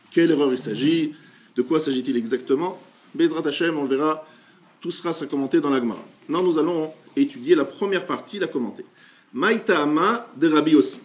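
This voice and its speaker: Rabbi guy teaching gemara, kinda high voice, reads the slow then explains it again. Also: darkish tone. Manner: explains step by step, reads Hebrew and Aramaic phrases slowly then translates; often rephrases and repeats. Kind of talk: Talmud class lecture.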